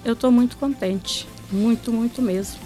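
A middle-aged woman telling a personal story in an interview, heartfelt, sometimes dropping soft and low and then lifting bright. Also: moderate pace. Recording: faint music underneath.

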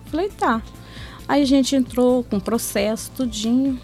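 A middle-aged woman telling a personal story in an interview, heartfelt, sometimes dropping soft and low and then lifting bright. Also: normal speed. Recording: faint music underneath.

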